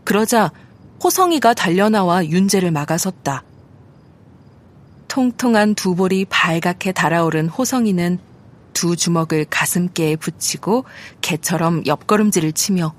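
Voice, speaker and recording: A woman reading an audiobook story aloud in a steady, measured narration. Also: fairly low pitch. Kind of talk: scripted narration.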